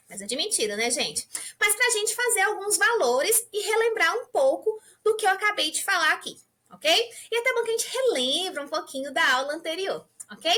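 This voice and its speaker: Teacher, woman, bright high voice, slow and patient, keeps checking the class follows. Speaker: English teacher. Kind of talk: language lesson for beginners.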